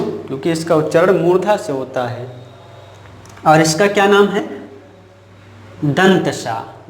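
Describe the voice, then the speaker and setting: A male teacher with a fairly high voice leads a grammar lesson at an unhurried pace. He repeats sounds again and again and fires questions at the class before he answers them. The room around him is echoey. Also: a little hiss or hum. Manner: drills sounds aloud, asks questions and answers them himself.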